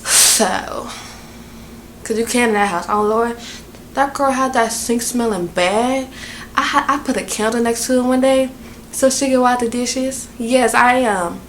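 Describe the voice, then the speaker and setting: A young Southern vlogger shares a casual storytime from her job, venting and rambling with many fillers. Her voice sits on the high side, a bit bright and unhurried, with slight noise in the background.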